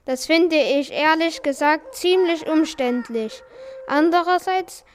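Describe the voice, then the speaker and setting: A woman's voice: high voice, takes it slowly, a little hiss or hum, voice pushed up. A woman voicing a friendly, muddle-headed male scarecrow in a children's audiobook, rambling good-naturedly. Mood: puzzled. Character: cheerful, muddled male scarecrow with straw for brains. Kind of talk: storybook character voice.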